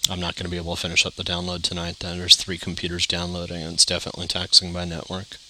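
A man's voice: deep voice, monotone, very fast, background noise. A tired man talking casually to the camera in a meandering monologue, full of fillers and restarts. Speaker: vlogger.

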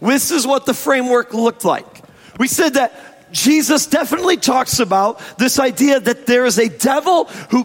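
A man preaching as a pastor in a hoarse, strained voice, emphatic and informal, stretching key phrases for effect. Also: very high-pitched. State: hoarse, strained sore throat. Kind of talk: sermon. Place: church service, amplified in a large room. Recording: echoey large hall reverb.

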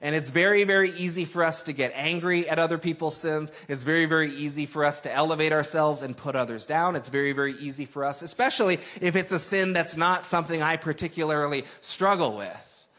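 A man's voice: on the high side, fairly quick, bright, forceful tone. A man preaching a sermon in a conversational, emphatic way, repeating key phrases for weight. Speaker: pastor.

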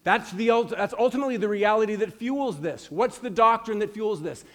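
A pastor in his forties delivers a sermon with a notably high voice. He speaks earnestly and with emphasis, often repeating a phrase to drive a point home. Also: a little fast, fairly bright tone. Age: 40s.

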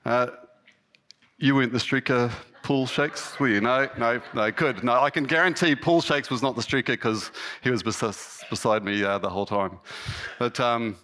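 Speaking to a congregation as a guest preacher who isn't clergy, a New Zealand man delivers a casual, gently funny sermon that pokes fun at himself. His voice is slightly husky, pushed and bright, medium in pitch and steady in pace.

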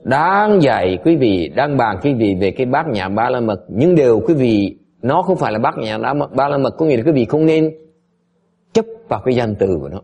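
A man's voice: medium pitch, expressive, normal speed, darkish tone. A man, a Buddhist teacher, giving a slide-based dharma lecture, switching between English and Vietnamese and often pressing his listeners to check they understand. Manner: emphatic, often asks "is it clear?".

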